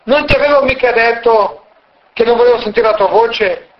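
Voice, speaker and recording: A man voicing a rough, arrogant male woodcutter who shouts and dismisses the guest. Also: high voice, expressive, slow pace, dull audio, voice pushed up. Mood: hostile.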